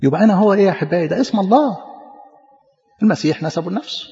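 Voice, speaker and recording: A man's voice: sits high, lively intonation, rapid-fire, creaky, dark tone. A man preaching with an Egyptian Arabic accent, explaining emphatically and stumbling over repeated words. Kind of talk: sermon teaching. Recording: echoey hall, muffled lo-fi.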